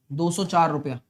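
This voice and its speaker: A male maths teacher with a sore throat, giving a live online class in a soft voice and clearing his throat often. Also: on the high side. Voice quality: clears throat often, talks softly to spare it. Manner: chatty, teasing, answers viewers' comments.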